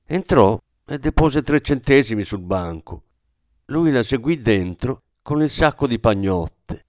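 A man narrating a novel aloud in a measured, storytelling manner, raising his pitch for the characters' quoted lines. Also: animated, darkish tone, no room sound, clean studio sound. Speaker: audiobook narrator. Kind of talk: scripted narration.

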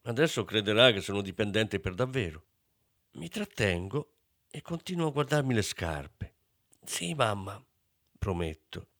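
A man reading a children's novel aloud, expressive and animated. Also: lowish voice, normal speed, dry recording, clean studio sound. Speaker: audiobook reader. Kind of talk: audiobook narration.

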